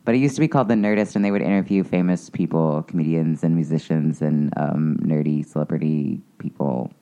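A man's voice: a bass voice, fairly quick, dark tone, clean tone. A man co-hosting a podcast, telling a story in a rambling, hesitant way full of restarts. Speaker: podcast co-host. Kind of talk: casual chat.

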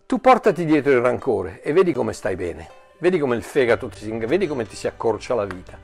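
A man preaching a sermon in an animated way, often repeating and restarting words, with jokey asides. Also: medium pitch, fairly quick, vocal fry, faint music behind.

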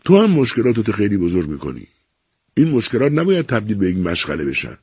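A man's voice: on the low side, wildly swooping pitch, a little mellow, husky, no room sound, studio quality, pitched above the performer's own voice, heavily acted. A man reading a novel aloud, voicing an elderly doctor who curtly and impatiently scolds his grown son. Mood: dismissive. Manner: curt, commanding, exasperated.

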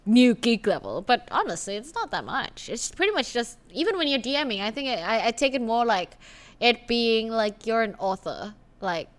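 Young woman from Indonesia, podcast co-host, higher pitched, lively swooping delivery, casual and swearing. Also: moderate pace. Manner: animated, laughs often, swears casually.

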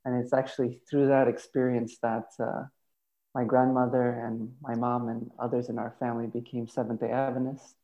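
A man in his thirties, a podcast guest, telling his life and faith story in a thoughtful, hesitant way with many pauses and fillers. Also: medium pitch, flat delivery, warm tone, dull audio. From United States. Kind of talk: casual testimony interview.

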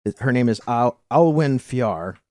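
An American man hosting a casual movie-review podcast, chatty and quick to laugh, often restarting his sentences. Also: mid-range voice, animated, noisy background. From United States. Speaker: podcast host.

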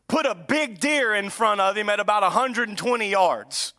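A man preaching a sermon in a North Louisiana accent, animated, with sudden shouts and drawled asides. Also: high-pitched, normal speed. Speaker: pastor.

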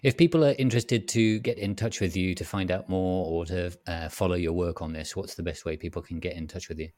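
A man's voice: low-pitched, fairly even intonation, brisk, a little mellow. A man hosting a technical interview, summarizing with brief prompts. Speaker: interviewer host.

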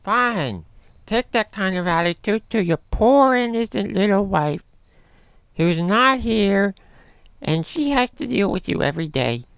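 A woman's voice: medium pitch, expressive, measured pace, clear, resonant tone, no room sound. A woman voicing a bossy, short-tempered, meddling aunt in an amateur comedy audio drama, scolding and snapping insults. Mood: nagging. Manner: scolding, nagging, snaps and shouts insults.

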